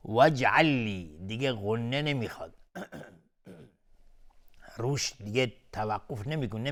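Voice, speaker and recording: A man teaching tajweed on a TV lesson, reciting words slowly and then explaining the rules briskly, repeating words to show how they are said. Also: mid-range voice. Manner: repeats words to demonstrate pronunciation.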